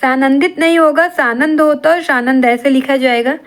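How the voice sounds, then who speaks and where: A woman teacher running an exam-prep grammar lesson, drilling points in a steady, repetitive way and asking and answering her own questions. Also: high-pitched, moderate pace.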